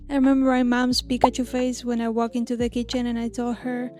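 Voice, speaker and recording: A woman in her thirties from Argentina, an illustrator narrating her own story in a gentle, reflective scripted voice-over. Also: a little high, monotone, fairly quick. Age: 30s. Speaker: illustrator and channel host. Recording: lo-fi music bed under voice.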